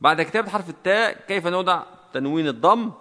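A male teacher walks through a typing lesson one step at a time, slow and deliberate, often repeating the key combinations. His voice is bright and forceful, with a long reverb trailing each phrase. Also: high voice, lively intonation.

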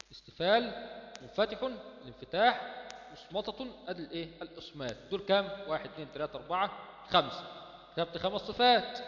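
A man with an Egyptian accent teaches recitation rules at a brisk clip, his voice sitting a little high. He keeps asking his students questions and answering them himself. The sound is muffled and rings through a reverberant room. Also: fairly bright tone. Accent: Egyptian Arabic. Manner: drills students with rhetorical questions. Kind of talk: explaining tajweed rules.

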